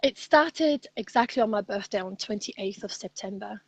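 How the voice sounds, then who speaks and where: A woman guest talking over a video call from inside her camper van, lively and chatty. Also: mid-range voice, normal speed, husky, no echo, poor audio. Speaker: interview guest, freedom coach. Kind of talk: casual chat.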